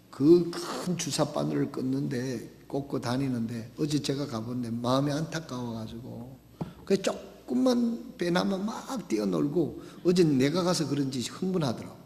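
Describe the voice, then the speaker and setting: A male pastor, preaching a sermon in a church, with emphatic swings between loud exhortation and soft asides. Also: medium pitch, expressive, measured pace, gravelly. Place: church sanctuary. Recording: echoey church hall.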